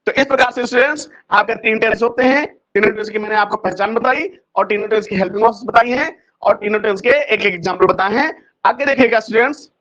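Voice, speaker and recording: A man's voice: high voice, fast talker, fairly bright tone. A man teaching an English grammar lesson in Hindi, with a Hindi accent, asking questions of his students and repeating the answers. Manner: repetitive, drilling questions to students. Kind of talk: classroom-style grammar lesson. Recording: dull lo-fi recording.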